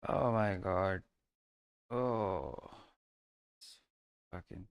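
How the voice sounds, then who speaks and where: A man commenting on his trades live in an unhurried, drawn-out way, often trailing off into mutters and short bursts like "boom." His voice is smooth and clear. It sits close and dry, with no room echo. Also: highs cut off. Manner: mutters and trails off, exclaiming at price moves. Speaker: live stream day trader.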